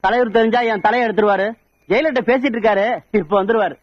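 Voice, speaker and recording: A man's voice: high-pitched, fast, no room sound. An actor playing a nervous gang underling in a film, jittery about his boss. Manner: jittery, shooing. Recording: dry, dull lo-fi film audio.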